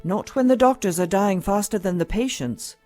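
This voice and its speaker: Woman acting a jaded, mellow-voiced hospital doctor. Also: medium pitch, moderate pace, soft background music, natural voice. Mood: weary, frustrated. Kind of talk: audio drama acting.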